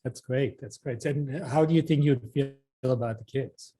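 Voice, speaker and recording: A man moderating a panel, gently prompting a guest with questions. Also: mid-range voice, unhurried. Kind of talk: interview questions. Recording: distant from the mic.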